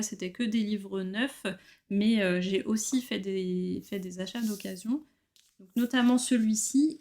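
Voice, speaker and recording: A woman showing her new books in a casual vlog, chatty and relaxed, with frequent hesitations. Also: mid-range voice. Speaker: book collector vlogger. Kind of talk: casual book haul chat.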